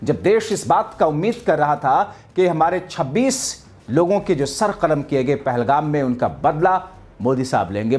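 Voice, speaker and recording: A man's voice: on the high side, darkish tone. A man hosting a political commentary show, combative and sarcastic, firing rhetorical questions at his viewers.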